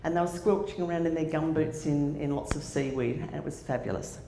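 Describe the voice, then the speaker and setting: Speaking a little fast, with a low, creaky and mellow voice, an Australian woman in her sixties tells a personal story to those attending a conference. Fillers and restarts pepper her talk. She holds a microphone in the hall, and the audio is echoey with faint noise.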